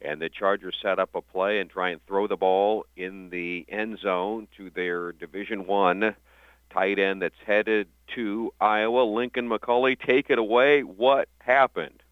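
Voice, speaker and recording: A man hosting a high school sports radio interview, with a loud, dense announcer delivery and radio broadcast sound. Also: steady tone, measured pace, no room sound. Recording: dull, dry lo-fi radio sound.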